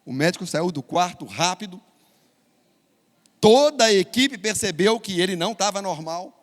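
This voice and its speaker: A man's voice: high voice, animated, moderate pace. A man with a Brazilian accent preaching a sermon, telling a story dramatically and emphatically in a church. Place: church sanctuary. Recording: long church hall reverb.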